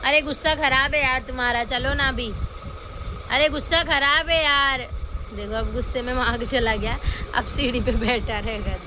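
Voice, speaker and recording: A mother vlogs casually to her phone camera in her home kitchen, teasing her son as she talks through her chores. Her high voice keeps a fairly even intonation at a moderate pace, and the home recording is noisy.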